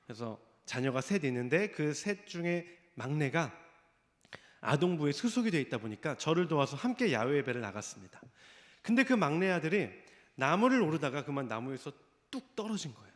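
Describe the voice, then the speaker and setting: A man's voice: a little high, big pitch swings, brisk. A man preaching a sermon, telling a story and acting out the voices of the people in it. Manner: storytelling, acts out quoted voices. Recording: long reverb of a church hall.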